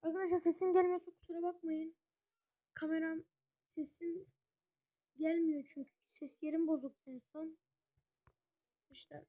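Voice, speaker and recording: A gaming YouTuber giving casual gameplay commentary, chatty and excitable, constantly talking straight to the viewers as friends. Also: extremely high pitch, moderate pace, long pauses, highs cut off. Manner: excitable, reacting out loud to the match.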